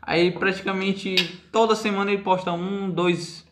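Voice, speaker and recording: This podcast host, a man with a high voice, speaks at a normal speed with little change in pitch. He keeps the casual show moving from topic to topic and talks directly to his listeners. The room is echoey, with faint noise in the background.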